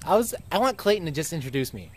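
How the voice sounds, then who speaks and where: A man's voice: a little high, very animated, fast. A young man, a comedian, chatting casually to a phone held at arm's length. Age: young adult. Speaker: stand-up comedian, vlogger. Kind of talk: casual vlog chat. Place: outdoors and in a car. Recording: background noise on handheld phone.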